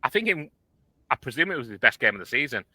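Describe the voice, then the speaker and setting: Bright-voiced podcast host. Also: male voice, mid-range voice, fast, dry recording, poor audio. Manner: relaxed, analytical, many fillers. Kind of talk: casual sports podcast chat.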